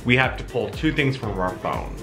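A man's voice: medium pitch, very animated, moderate pace, music in the background. A man in his thirties co-hosting a video, chatting casually with his partner. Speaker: video co-host. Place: small room indoors. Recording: echoey room.

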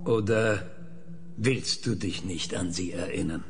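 Slow, creaky, sardonic scientist. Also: male voice, low voice, soft background music. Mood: probing. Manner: hesitant, thoughtful, dryly ironic. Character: stubborn, sardonic male scientist Winston, probing and weary. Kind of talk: German audio drama acting.

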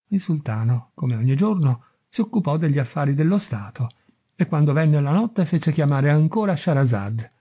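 A man reads a storybook aloud in a steady, measured way. His voice is a little high for a man, yet dark and mellow. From Italy. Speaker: audiobook reader. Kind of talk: storybook narration.

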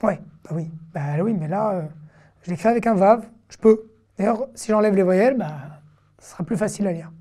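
A woman teaching an online reading lesson, patiently repeating syllables slowly with casual fillers. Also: mid-range voice, mellow. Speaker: Hebrew teacher.

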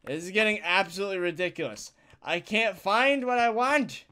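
A man giving casual let's-play commentary as a gaming channel host, thinking out loud with sudden loud exclamations between quiet mutters, a bit tired. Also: high voice, normal speed, clear, resonant tone. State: yawning, tired.

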